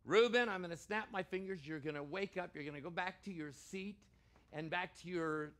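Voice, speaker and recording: A man working as a stage hypnotist in a live show, giving deliberate, commanding countdowns and repeated suggestions. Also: sits high. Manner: shouts excited commands to start the action.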